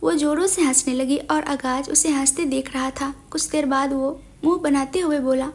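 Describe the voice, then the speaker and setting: A woman reads a romance story aloud in a steady, even storytelling way. Her voice sits high. It sounds like scripted audio story narration. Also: normal speed.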